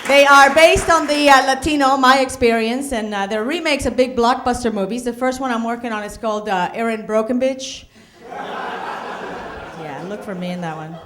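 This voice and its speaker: A woman's voice: fairly high pitch, moderate pace, a crowd in the background, noisy background. A middle-aged woman from Puerto Rico with a Puerto Rican accent performing a stand-up comedy set, with punchy delivery and Spanish asides. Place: comedy club stage.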